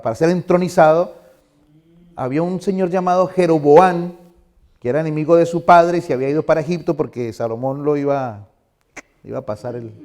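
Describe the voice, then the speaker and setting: A man's voice: on the high side, darkish tone. A middle-aged male pastor giving a conversational sermon in a church, asking the congregation questions.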